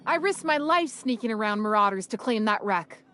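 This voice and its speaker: A woman's voice: mid-range voice, lively intonation, moderate pace, a bit bright, natural voice. An actress playing a stubborn, sarcastic woman salvager in a video game, defiant.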